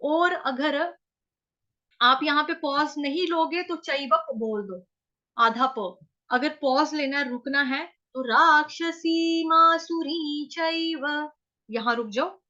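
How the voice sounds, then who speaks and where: A woman from North India leads an online chanting lesson, breaking words into syllables and stretching them out as she chants. Her voice sits high and sounds bright and sharp. The call audio is muffled and lo-fi. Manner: explains pronunciation syllable by syllable, chants words slowly. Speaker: chanting teacher. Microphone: video call.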